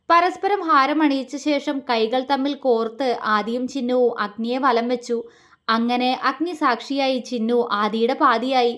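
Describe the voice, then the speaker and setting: A woman storyteller reading romantic story narration in a calm, heartfelt way. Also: sits high. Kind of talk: scripted narration.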